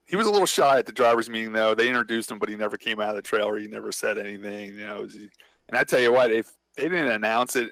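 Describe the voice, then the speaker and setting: A man's voice: on the low side, vocal fry, fairly bright tone, dry recording, rough recording. A man co-hosting a podcast, talking in a casual, rambling way about his racing. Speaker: podcast co-host and racer. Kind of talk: casual chat.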